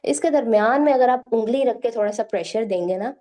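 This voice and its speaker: A woman teaching a Quran recitation class, patiently sounding out syllables slowly one by one and checking in with her students. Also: fairly high pitch, warm tone. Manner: slow, drawn-out syllable-by-syllable demonstration; patient, repeats "theek hai" to check in.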